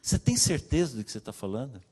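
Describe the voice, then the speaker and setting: A man with a Brazilian Portuguese accent preaching a sermon, telling his own story and acting out the dialogue with swings in pitch and loudness. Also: sing-song, quick pace, breathy edge. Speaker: pastor. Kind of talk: sermon testimony. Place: church hall. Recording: long reverb of a church hall.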